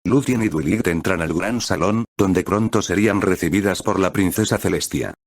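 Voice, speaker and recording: Low-voiced man reading a story. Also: normal speed, no echo, studio quality. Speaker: story reader. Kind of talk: reading fan fiction aloud.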